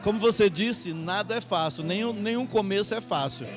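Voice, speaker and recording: A man's voice: high-pitched, normal speed. A middle-aged Brazilian man, an artist guest, telling his life story in a rambling way, often ending phrases with tag questions. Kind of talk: interview storytelling. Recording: music playing behind.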